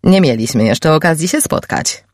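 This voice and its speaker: A woman's voice: low voice, animated, normal speed, a little mellow, dry recording, studio quality. A woman voicing a jovial, showy male editor of about fifty in an audiobook, playful and exclamatory. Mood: effusive. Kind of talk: audiobook reading.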